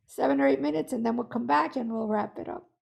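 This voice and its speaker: Woman facilitating an online workshop, hoarse and gravelly, fairly high voice, chatty, video call audio. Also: fast talker, a little mellow. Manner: chatty, guiding, self-correcting. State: losing her voice.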